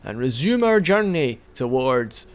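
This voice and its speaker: A young let's play commentator speaks unhurriedly in a smooth, very animated mid-range voice. He rambles casually about the game he's playing, chatting and often starting over, with a hiccup now and then.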